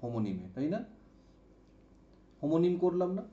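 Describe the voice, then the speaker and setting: Mellow-voiced man teaching vocabulary. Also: fairly high pitch, very animated. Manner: explains slowly, repeats words and asks "ok?". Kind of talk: exam-prep lesson. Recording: dull, echoey room sound.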